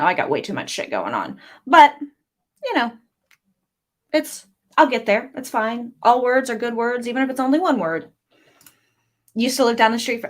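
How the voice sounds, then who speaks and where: A woman hosting a casual writing livestream from home, reading viewer comments aloud and rambling between them with lots of fillers. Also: medium pitch. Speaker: livestream host.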